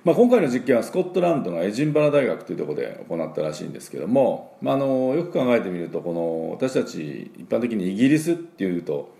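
Deep gravelly-voiced man teaching English. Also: dark tone, reverberant. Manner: chatty, many fillers, slow drawn-out teaching of sounds. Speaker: English teacher and school head. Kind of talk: daily podcast-style English lesson.

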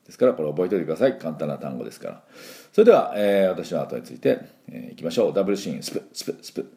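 Deep gravelly man teaching pronunciation. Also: sing-song, rapid-fire, mellow. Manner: drills sounds aloud, has listeners repeat after him; chatty and encouraging, with filler words. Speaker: English school principal and teacher. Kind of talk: English pronunciation lesson.

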